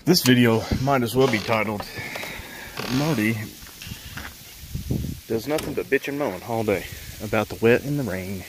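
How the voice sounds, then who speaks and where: Here the middle-aged vlogger speaks at medium pitch, unhurried and pausing often, against a noisy background. He chats in a plain-spoken, rambling way, filmed outdoors on a rural property and inside his truck.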